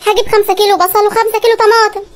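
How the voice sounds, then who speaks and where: A performer doing an exasperated Egyptian housewife, shrill and fast. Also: flat delivery. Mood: pleading. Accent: Egyptian Arabic. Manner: complaining, pleading, exclaiming. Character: exasperated Egyptian wife and mother, shopping. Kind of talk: comedy sketch dialogue.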